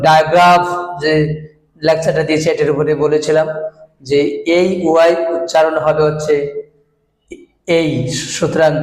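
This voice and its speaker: A man with a Bangladeshi Bengali accent gives an English pronunciation lesson. He says each word again and again in a slow, drawn-out way for students to copy. His voice sits a little high and stays fairly flat, and the room gives it a strong echo. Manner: repeats words slowly and drawn out for drill. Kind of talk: online lecture.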